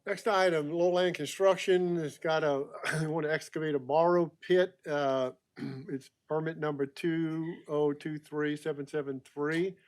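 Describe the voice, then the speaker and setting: Man presenting permits, halting and throat-clearing. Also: a little high, fairly even intonation. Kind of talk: presenting permits at a public meeting.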